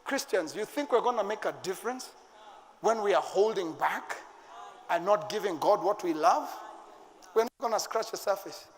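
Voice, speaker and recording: A middle-aged Kenyan pastor preaches with fervour, his voice sitting high for a man. He swings into sudden shouted bursts to drive his points home. His words ring out with a long reverb that fills the church hall. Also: lively intonation, moderate pace. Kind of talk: sermon. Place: church sanctuary.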